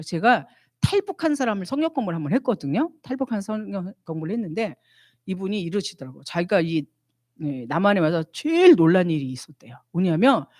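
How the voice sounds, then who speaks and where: Lady missionary teaching at a church retreat, very animated, asks questions then answers them, dry sound. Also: on the low side, no echo. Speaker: missionary lecturer.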